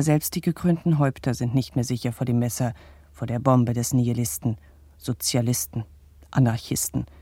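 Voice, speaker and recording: In a radio play, an actor voices a pompous, indignant bourgeois narrator of the 1870s, addressing the public in formal, old-fashioned, declamatory phrases. His male voice is medium-pitched, mellow and husky, with no room sound.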